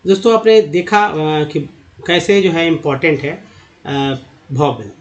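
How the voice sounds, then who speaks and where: A man teaching English pronunciation to viewers in Hindi, calling them friends and repeating sounds slowly to drill them. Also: on the high side, lively intonation. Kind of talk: explaining to viewers. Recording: dull lo-fi sound.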